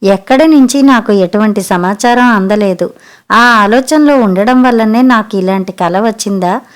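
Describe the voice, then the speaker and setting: A woman's voice: medium pitch, moderate pace, clean tone. A woman narrating a first-person audiobook story in an earnest, emotional way.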